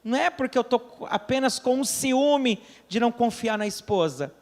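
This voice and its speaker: A pastor from Brazil preaching a sermon, telling a story and acting out the people in it, with questions to the congregation. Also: male voice, extremely high pitch, expressive, moderate pace, big-room sound. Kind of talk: sermon with acted dialogue. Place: church during a service.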